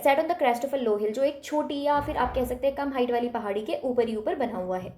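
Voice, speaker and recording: Young teacher lady, mellow voice a bit high, keeps asking then answering herself. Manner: repeats questions and answers them, frequent "thik hai?" checks. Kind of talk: Hindi-English classroom lesson explaining a chapter.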